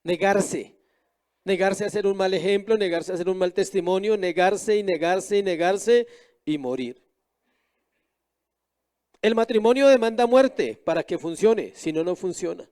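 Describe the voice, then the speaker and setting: A man's voice: high-pitched, a little slow, pauses often, a little mellow. A middle-aged male pastor preaching a sermon, often asking the congregation questions.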